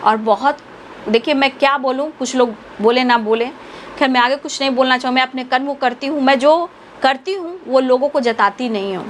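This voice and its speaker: A woman speaks as a tarot reader, voice sitting a little high. She talks earnestly, affectionately and a bit preachily, lecturing her listeners. A faint background noise stays under her voice. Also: brisk. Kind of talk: spiritual guidance talk.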